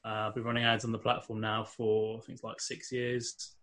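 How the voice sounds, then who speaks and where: A podcast guest from England speaks with a London accent in a lowish, monotone, fairly bright voice, a little fast. His casual interview talk is full of fillers and restarts.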